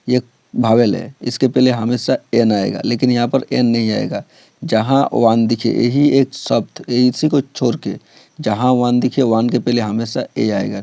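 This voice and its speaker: A man's voice: medium pitch, gravelly, dark tone, dry recording. A man teaching English grammar, explaining step by step, repeating points and often checking whether students have understood. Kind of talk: classroom explanation.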